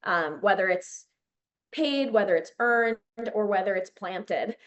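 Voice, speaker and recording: In a relaxed interview, the guest, a company founder in her thirties from Chicago by her accent, talks enthusiastically with lots of fillers and restarts. She has a mid-range, expressive voice and keeps a measured pace.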